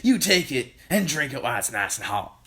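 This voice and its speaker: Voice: mid-range voice, big pitch swings, brisk, sharp tone. A storyteller voicing a sly, grinning husband who delights in the trouble. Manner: sly, gleeful. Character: gleeful scheming husband, grinning. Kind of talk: storybook read-aloud.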